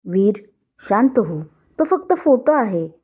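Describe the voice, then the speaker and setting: A woman's voice: a little high, very animated, takes it slowly, mellow, husky, full character voice. A woman voicing a hurt young bride in a storybook reading, speaking in an emotional, pleading voice.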